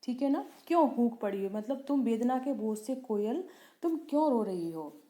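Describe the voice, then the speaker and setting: A woman teacher explaining a poem line by line. She asks questions and answers them herself, and she slows down for the poem lines. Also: a little high, expressive, mellow, roomy sound. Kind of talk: Hindi poem explanation lesson.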